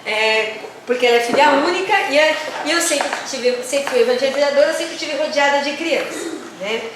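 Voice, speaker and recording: High-voiced brazilian lady from são paulo running a workshop, chatty, asks the room stuff, far off mic in a big boomy hall. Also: normal speed. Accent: São Paulo Brazilian Portuguese. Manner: conversational, asks the audience questions, acts out quoted voices. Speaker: workshop speaker for religious teachers. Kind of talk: teaching workshop talk. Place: community hall. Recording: very echoey hall, distant mic, faint noise.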